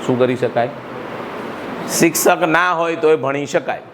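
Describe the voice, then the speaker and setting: A man's voice: on the high side, a little slow, noisy background. A middle-aged man with a Gujarati accent, a school director giving a motivational speech to students and throwing questions at the room. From Gujarat, India. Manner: rhetorical, quizzes the audience. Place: school hall.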